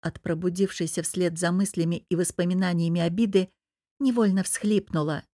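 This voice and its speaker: A woman reading a first-person audiobook in an even, measured storytelling voice. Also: on the low side, no echo, studio quality. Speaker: audiobook narrator.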